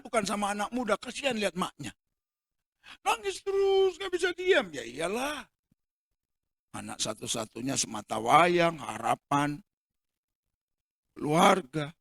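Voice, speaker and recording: Jakarta man, pastor, high and lively, dramatic comic preacher, dry close sound. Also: creaky, dry recording. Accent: Jakarta Indonesian. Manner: dramatic, joking storyteller who bursts into shouts. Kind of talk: sermon. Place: church.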